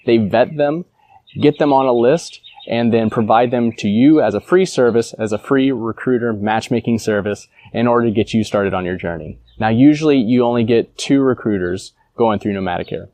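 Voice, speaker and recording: A man reading a sponsor message for his podcast in a steady, persuasive way. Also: mid-range voice, no echo. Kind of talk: read advertisement.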